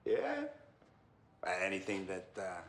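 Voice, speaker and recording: A man's voice: sits low, huge pitch swings, a little slow, exaggerated voice. A man playing a cocky, chatty character in a crime drama, recorded with noise and clicks behind him. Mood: cocky, curious. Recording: noisy background with clicks.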